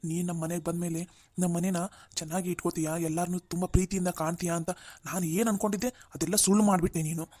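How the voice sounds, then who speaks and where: A man's voice: sits high, level tone, quick pace, a little mellow, no room sound. A man voicing a young adult son in a cartoon family drama, pleading with his family and then scolding his wife. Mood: angry.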